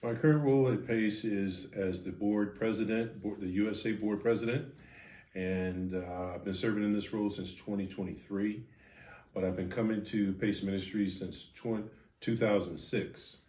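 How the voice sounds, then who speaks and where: A Philadelphia man in his fifties with an American accent tells his story as a podcast guest; he's the board president of a ministry. His voice is on the low side, steady and a little mellow, and he answers in a measured, reflective way with deliberate pauses. The room is echoey and reverberant.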